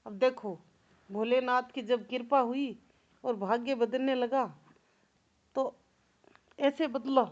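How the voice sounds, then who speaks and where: A woman with a high voice tells a devotional folk tale in a loose, casual, repetitive way, often turning to the listener with asides. The recording is dull and lo-fi. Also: fairly even intonation, slow pace, long pauses, a little mellow. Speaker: storyteller.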